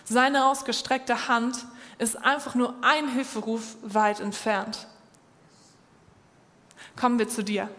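A woman preaching with a fairly high voice. She speaks directly to her listeners and urges them on. Her voice rings with a long reverb, as if she is in a church hall. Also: fairly even intonation, slow, pauses often, a bit bright. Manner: direct, encouraging address to listeners. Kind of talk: sermon.

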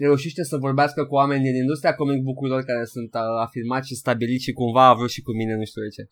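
A man co-hosting a casual gaming podcast, animated and quick to laugh, slipping English phrases into his talk. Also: medium pitch. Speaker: podcast co-host.

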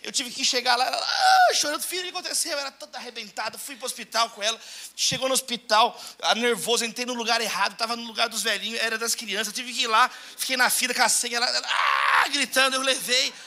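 Animated high-voiced Brazilian pastor preaching. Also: male voice, fast. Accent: Brazilian Portuguese. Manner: animated, storytelling, calls out to the congregation. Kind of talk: lively sermon with humorous anecdotes.

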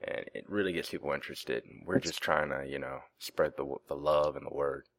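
Deep-voiced man co-hosting a podcast. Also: a little fast. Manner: relaxed, talkative storytelling. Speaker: podcast co-host. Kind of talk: casual interview chat.

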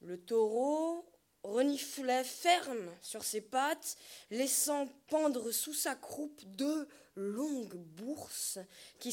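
A woman narrating a novel as an audiobook, measured and dropping soft at the ends of phrases. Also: high voice.

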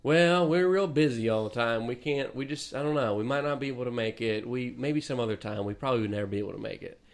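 A man voicing a jealous husband from a cheap movie, rattling off hurried excuses. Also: mid-range voice, close to an everyday voice. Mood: evasive.

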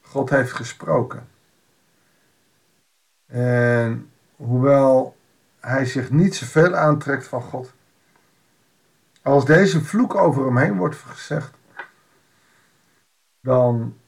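A man's voice: mid-range voice, drawn-out words, gravelly, long pauses. A man giving an informal Bible devotional, reading a passage aloud and explaining it in a conversational way with wry asides.

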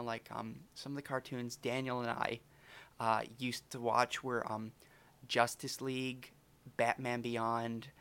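A man's voice: medium pitch, gravelly, a bit bright. A man in an interview as a podcast guest, rambling with many ums and likes. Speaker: podcast guest, voice-over student. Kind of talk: casual interview chat.

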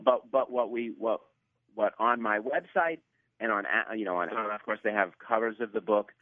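A man's voice: lowish voice, moderate pace, no room sound, narrow, tinny audio. A man with a Brooklyn accent giving a conversational interview as a guest author, speaking emphatically and repeating phrases for emphasis. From Brooklyn, New York, USA.

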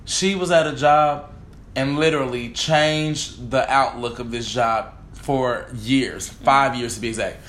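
A man's voice: mid-range voice, a little slow, fairly bright tone. A man in casual podcast chat, telling stories in an emphatic, rambling way. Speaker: podcast co-host. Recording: echoey room.

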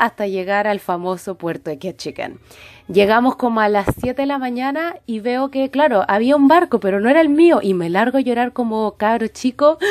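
A young woman tells a personal story in casual host style. She talks dramatically and emotively, often restarting her words, at a mid pitch. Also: no echo.

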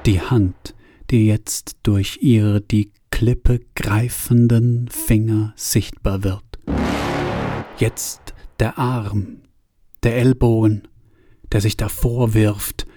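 Slow, detached male narrator. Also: on the low side, heavy background noise. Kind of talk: scripted audiobook narration.

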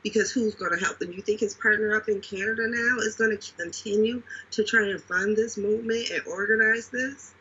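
A man talking casually with a very husky, bright voice. He retells things dramatically and leans on repetition. The recording sounds dull and lo-fi. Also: high-pitched, steady tone, brisk, few pauses. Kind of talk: casual conversation. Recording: dull lo-fi audio.

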